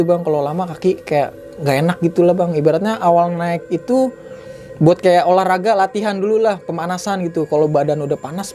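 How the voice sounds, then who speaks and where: A man's voice: a little high, warm tone, slight background noise. A man in his twenties telling a personal story in a loose, chatty way. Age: 20s. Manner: chatty, loose, fills sentences with "gitu" and "Bang". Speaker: guest storyteller. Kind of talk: casual storytelling.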